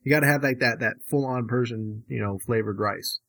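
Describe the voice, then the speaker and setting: A man's voice: medium pitch, brisk, creaky, fairly bright tone, dry recording. A man co-hosting a beer podcast, chatting casually and rambling with restarts and fillers. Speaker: podcast co-host. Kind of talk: casual chat.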